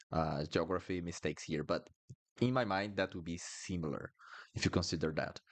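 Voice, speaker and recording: A man from Brasilia, Brazil, whose voice sits low, teaches Portuguese in a live online lesson with a Brazilian Portuguese accent. He talks in a chatty, apologetic way and repeats words for the learners.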